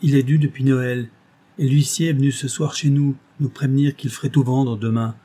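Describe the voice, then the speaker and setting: A timid young innkeeper's wife from an audiobook, as a male reader voices her, humble and always apologizing. The voice is warm and dark, slightly husky. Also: medium pitch, fairly even intonation, normal speed, natural voice. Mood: pleading. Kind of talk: audiobook reading.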